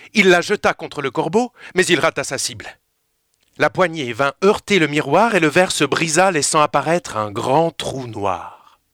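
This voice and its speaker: Lively male storyteller, bright tone, dry close sound. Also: fairly high pitch, no room sound. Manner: expressive, slowing for suspense. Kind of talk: children's story reading.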